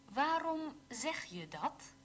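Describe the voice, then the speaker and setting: A woman slowly reading simple example sentences for a language lesson, pronouncing each one carefully. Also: high voice, very animated, a bit bright, slight background noise. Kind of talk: slow read-aloud language drill.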